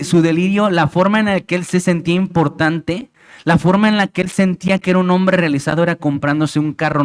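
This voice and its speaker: A man's voice: a little high, poor audio. A man preaching a sermon as pastor of a church, emphatic, asking the congregation rhetorical questions. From Mexico. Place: church sanctuary.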